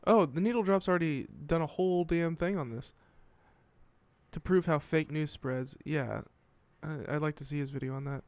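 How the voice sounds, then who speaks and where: A man hosts a casual commentary show with a slightly high, smooth, clear voice. He rambles, swears freely and trips over his own restarts while reacting to the headlines he reads. The sound is dry and close, with no room around it. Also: normal speed, darkish tone, dry recording. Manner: rambling, profane, self-interrupting. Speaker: podcast host.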